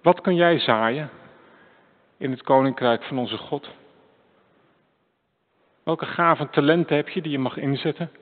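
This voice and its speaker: Earnest preacher, tinny echoey church recording. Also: male voice, on the high side, measured pace, long pauses. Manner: earnest, direct address to listeners with rising questions. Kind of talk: sermon with personal story. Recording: echoey church hall, tinny phone-like sound.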